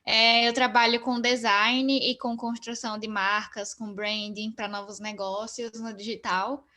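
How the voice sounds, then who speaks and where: A young woman, chatting casually as an interview guest and filling her talk with relaxed asides. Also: fairly high pitch, measured pace. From Northeast Brazil. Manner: relaxed, talkative, frequent fillers.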